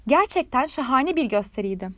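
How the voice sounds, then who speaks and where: A woman narrates a fairy tale with a measured, expressive storytelling delivery. Her voice sits high, and the recording is dry and close, with no room around it. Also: no room sound.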